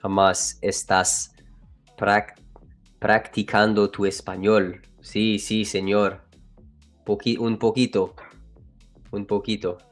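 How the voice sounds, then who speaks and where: Hosting a live trading stream, a French-accented man speaks slowly in a low, fairly flat voice, pausing often while soft music plays behind him. He jokes around casually with viewers, laughs a lot, and tends to trail off and restart his sentences.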